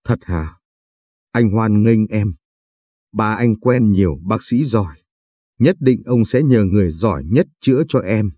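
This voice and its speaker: A man's voice: lowish voice, lively intonation, a little slow, mellow, breathy edge, dry recording, studio quality. A man voicing a caring young man who is earnest and worried, talking protectively in a storybook reading. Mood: reassuring, fretful.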